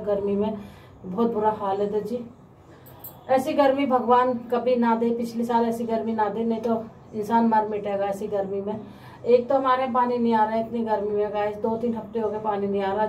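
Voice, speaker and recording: A woman chatting casually to her viewers in a home vlog, speaking slowly because of sore mouth ulcers. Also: fairly high pitch, warm tone, reverberant, distant mic, lo-fi sound, a little hiss or hum. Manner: chatty, often addresses viewers as guys. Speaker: family vlogger.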